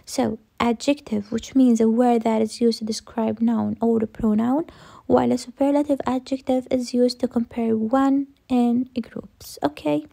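A woman's voice: a little high, steady tone, unhurried, vocal fry, dark tone. A woman teaching English grammar in a recorded lesson, repeating each rule and answering her own questions.

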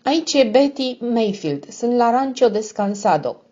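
A woman's voice: on the high side, sing-song, mellow, voice pushed up. A woman voicing a cold, reserved and tired young woman. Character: weary, cold young woman under threat. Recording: dull lo-fi recording.

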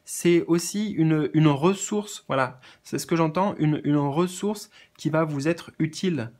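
A man with a slightly high voice gives a spiritual card reading to his viewers. He speaks gently and hesitantly, filling his pauses and repeating words as he searches for them. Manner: gentle, addresses viewers as friends. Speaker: tarot card reader.

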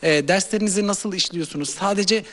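Male reporter, high lively voice, quick questions, live interview. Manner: lively, leading questions and summing up answers.

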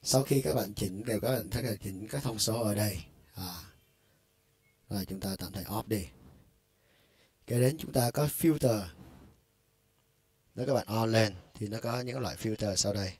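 Here a Vietnamese-accented music store demonstrator casually explains a keyboard's vocal effects, chatting loosely and leaning on filler words. His voice sits on the low side, with a darkish tone and a breathy edge, and he talks at a normal speed but pauses often. There's no room sound.

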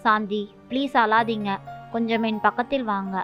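A woman's voice: a little high, steady tone, moderate pace, a bit bright, lightly acted. A woman voicing a badly injured male doctor who speaks faintly and with strain. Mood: weak. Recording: dull lo-fi with faint music.

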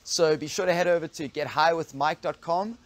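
A man's voice: a little high, fairly even intonation, fairly quick. A man in his thirties, an enthusiastic kitesurf coach, talking to camera outdoors by a pool on a lapel mic. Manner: upbeat, enthusiastic, laughing. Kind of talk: promotional vlog talk to camera.

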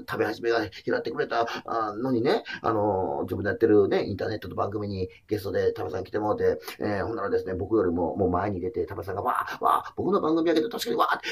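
A man in his forties with a Kansai accent, a comedian telling a film's story with lively acted-out quotes. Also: fairly low pitch, breathy edge. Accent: Kansai Japanese. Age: 40s. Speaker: comedian reviewing a documentary film. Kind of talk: animated comic film talk.

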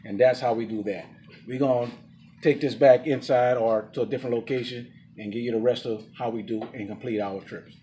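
An upbeat man in his forties chats to the camera outside his home, his voice at an ordinary middle pitch. He explains things easily and laughs along the way. A faint outdoor noise sits under the voice. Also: steady tone, a little fast, warm tone. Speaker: vlog co-host. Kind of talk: casual vlog chat. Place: outdoor patio and garage of a home. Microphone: camera a few feet away.

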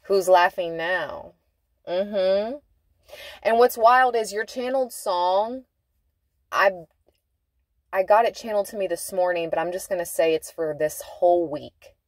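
A woman's voice: mid-range voice, measured pace, pauses often, dry recording. A woman giving a casual tarot reading from inside a car, chatty and laughing, stretching out words for emphasis. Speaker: tarot reader.

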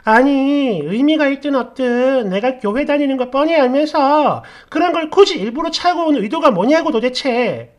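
Woman reader doing a touchy young bride, loud, accusatory, pitch jumping all over. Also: big pitch swings, normal speed. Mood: accusing. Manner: accusing, sharp, raised voice. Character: indignant devout young woman, quick to take offense.

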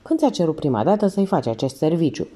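A woman's voice: low voice, sing-song, warm tone, breathy edge, heavily acted. A woman voicing a blunt male police inspector who asks short, probing questions. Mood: stern.

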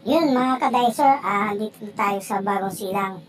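A woman's voice: medium pitch, moderate pace, low-quality recording. A woman vlogger from the Philippines, chatting casually to her viewers with lots of fillers. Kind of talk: casual moto vlog narration. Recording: voice over loud background music.

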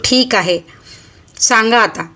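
A woman voicing a gruff, rude middle-aged male police constable who barks and scolds. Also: a little high, slow pace, bright, forceful tone. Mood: curt. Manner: barking, scolding.

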